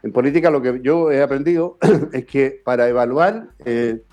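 A Chilean man with a mid-range voice talks as a radio host in a conversational way. He is courteous and builds his points haltingly, tagging on small questions to check agreement. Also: mid-range voice, warm tone, highs cut off. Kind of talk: conversational political commentary.

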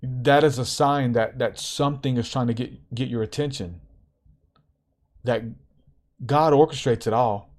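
A man's voice: medium pitch, a little slow, long pauses, darkish tone. A man talks to his podcast listeners about faith and spiritual callings. He preaches in an easy, casual way, repeats his lines for emphasis and laughs now and then. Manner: preacherly, repetitive, laughs often. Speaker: podcast host. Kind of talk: spiritual encouragement talk.

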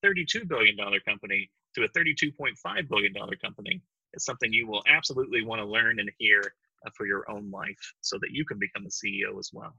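A man co-hosting a comedy podcast, riffing in a deadpan, mock-promotional way. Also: lowish voice, fast talker, gravelly, husky, no room sound, highs cut off. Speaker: podcast co-host.

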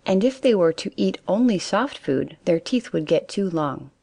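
A woman narrating a children's storybook in a calm, steady reading voice. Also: mid-range voice, moderate pace, dry recording.

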